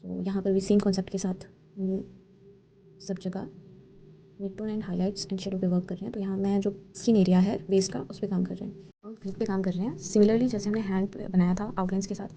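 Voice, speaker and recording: Gravelly dark-voiced woman tutor. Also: mid-range voice, a little fast. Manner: explains steps calmly, mixing Hindi and English. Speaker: art tutorial host. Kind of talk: painting tutorial voice-over. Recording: slightly dull, faint hiss.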